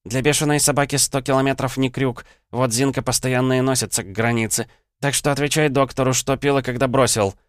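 Man voicing a sharp-tongued village nurse. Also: mid-range voice, steady tone, a little fast, no echo, studio quality, voice pushed up, close to an everyday voice. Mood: scolding. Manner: scolding, blunt.

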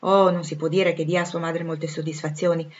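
A woman voicing a warm-hearted young former nursemaid, talking in an eager, gossipy, affectionate way, in a dull lo-fi recording. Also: deep voice, level tone, fairly quick, lightly acted. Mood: chatty.

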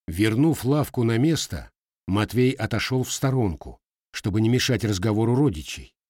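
A man narrating an audiobook in an expressive storytelling manner. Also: lowish voice, normal speed, husky, no room sound, studio quality.

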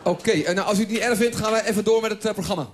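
A man hosting a radio comedy sketch, asking questions in a brisk, dry way. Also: high voice, fairly even intonation, noisy background. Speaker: radio host.

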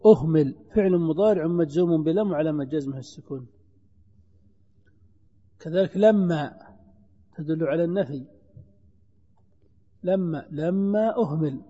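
A grammar teacher, a man, works through examples slowly, repeats himself and asks his students questions. His voice is high but mellow in tone. The dull, lo-fi recording carries a long hall reverb. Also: husky. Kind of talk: classroom lesson.

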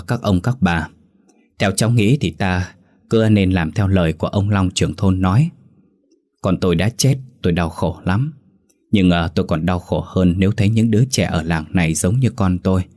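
A man's voice: low voice, normal speed, darkish tone, close to an everyday voice. A man voicing a grieving village mother speaking formally at a meeting. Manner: formal and pleading.

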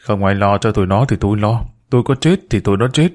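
A man's voice: fairly low pitch, quick pace, a little mellow, close to an everyday voice. A man voicing a blunt, earnest young boy. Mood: indignant. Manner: blunt and impulsive.

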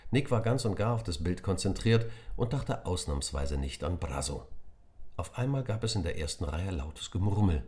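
A low-pitched man narrates a children's audiobook at normal speed, in an expressive storytelling manner.

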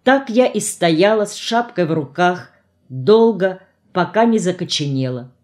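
A woman narrating a novel in the first person, in a measured, expressive audiobook reading. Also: on the low side.

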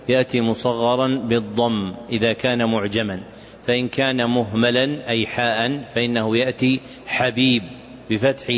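A sheikh giving short, measured scholarly notes on the pronunciation of narrators' names during a mosque lesson. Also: male voice, medium pitch. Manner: brief, measured explanatory notes. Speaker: sheikh teaching hadith. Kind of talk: scholarly commentary on name pronunciation. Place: large mosque hall. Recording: reverberant hall, dull lo-fi sound, faint noise.

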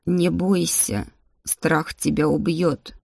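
A woman doing an old shaman man, deep, slow and measured, quiet and cryptic, calm storybook mystic. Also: no room sound, studio quality. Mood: grave, cryptic. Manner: slow, low, measured pronouncements. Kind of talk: audiobook character voice.

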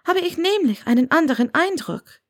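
A woman voicing a bold, defiant young witch, with a high, bright, teasing delivery. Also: animated, normal speed.

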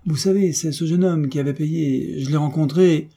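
A man's voice: a little high, normal speed, mellow, husky, pitched above the performer's own voice. A man voicing a fussy, talkative middle-aged male landlord who speaks emphatically, in a folksy way, for an audiobook. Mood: insistent.

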